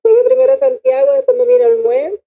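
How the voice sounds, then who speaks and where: A woman from Puerto Rico, a theater director, telling her story in an animated, expressive way during a radio interview. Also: high voice, fast. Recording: dull lo-fi call audio.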